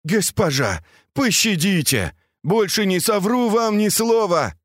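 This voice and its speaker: A man's voice: sits high, lively intonation, normal speed, no echo, clean studio sound, voice pushed up. A man reading aloud, voicing a terrified male servant who pleads and explains timidly. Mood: pleading.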